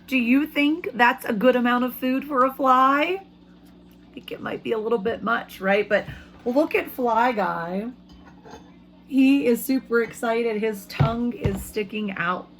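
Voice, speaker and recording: Taking an unhurried pace, a woman with a somewhat high voice plays an elementary school teacher who reads to children and poses questions, using simple, expressive words. There's slight background noise.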